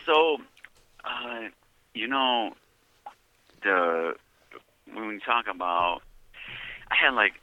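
Calling on a prison phone line, a man with a smooth, lowish voice tells his story reflectively in casual chat. He's animated, draws out words, pauses often, and keeps asking "you know what I mean?".

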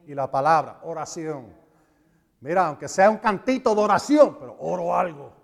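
A man preaching a sermon, animated and emphatic, repeating phrases for stress. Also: fairly high pitch, moderate pace, gravelly. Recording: reverberant hall.

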